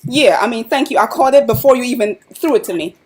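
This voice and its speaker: A woman's voice: fairly high pitch, lively intonation, fast, slight background noise. A woman co-hosting a live chat show who gives her opinion bluntly, hammering her points with repetition. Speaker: podcast co-host.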